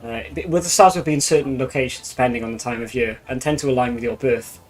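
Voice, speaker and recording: A man's voice: medium pitch, fast, poor audio. A man playing a tabletop game, speaking hesitantly with fillers and long rambling explanations. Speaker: player. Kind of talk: casual tabletop game chat.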